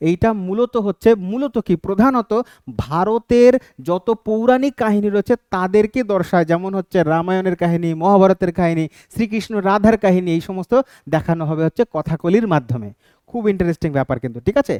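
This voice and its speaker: A man's voice: high-pitched, a little fast, darkish tone, clear, resonant tone, dry recording, studio quality. A man teaching an exam-prep lesson, explaining step by step and often checking in with his students. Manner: explains step by step, keeps asking "ঠিক আছে?".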